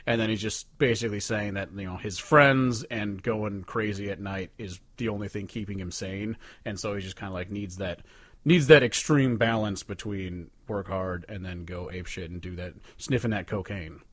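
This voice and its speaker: A man co-hosts a song-review podcast, chatting loosely and profanely as he rambles. His voice is fairly low yet fairly bright in tone, at a normal speed, recorded dry.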